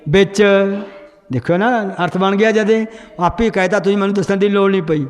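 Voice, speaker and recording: A man's voice: high voice, steady tone, a little fast. A man teaching a recitation class in a large hall, quizzing the students and correcting how they read. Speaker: scripture pronunciation teacher. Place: large hall with a seated congregation. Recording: long hall reverb.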